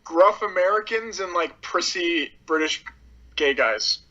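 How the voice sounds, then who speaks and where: A man's voice: high-pitched, expressive, unhurried, sharp tone. A young man co-hosting a podcast, chatting casually in a sarcastic, laughing, profane way. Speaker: podcast co-host. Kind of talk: casual chat. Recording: dull lo-fi sound.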